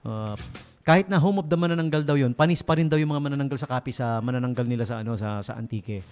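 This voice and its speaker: A man's voice: mid-range voice, quick pace, background noise. A man with a Filipino accent, a radio DJ chatting casually on air, joking and laughing often. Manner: jokey, laughs often, mixes English into Tagalog. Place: radio studio.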